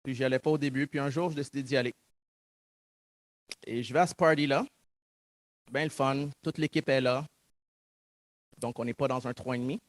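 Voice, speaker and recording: A man's voice: mid-range voice, steady tone, normal speed, pauses often, no room sound. A man in his thirties from Montreal with a Québécois accent, giving a public talk and reflecting earnestly on his own story. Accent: Québécois French. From Montreal, Quebec. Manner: earnest, reflective, acts out remembered dialogue. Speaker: guest speaker.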